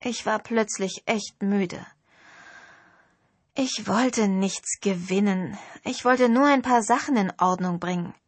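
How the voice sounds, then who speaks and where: A woman narrating a first-person novel in an expressive storytelling way. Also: mid-range voice, slow, no room sound. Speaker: audiobook narrator.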